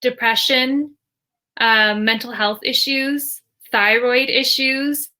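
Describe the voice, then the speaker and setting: A woman's voice: fairly high pitch, fairly even intonation, takes it slowly, sharp tone. A young woman from the United States, speaking as a guest in a casual discussion, reflective and full of fillers. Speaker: panel guest.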